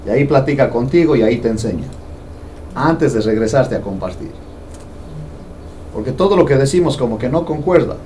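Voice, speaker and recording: A man's voice: medium pitch, expressive, a little fast, long pauses, mellow, distant mic, slight background noise. A man preaching a sermon to a congregation in a conversational way, joking with them as he goes. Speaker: pastor. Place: church hall.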